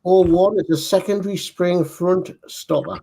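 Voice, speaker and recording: A man with a Northern English accent co-hosting a model-building livestream, reading assembly steps slowly and pausing to check the parts. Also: high-pitched, fairly even intonation, gravelly, dark tone, a little hiss or hum. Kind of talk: casual livestream build chat.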